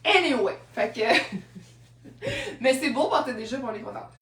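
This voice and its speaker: A very animated woman with a Québécois French accent chats, laughs often and tells stories while showing second-hand clothes on a live stream. She speaks at a measured pace in a high, slightly bright voice, caught on a distant mic with a roomy sound.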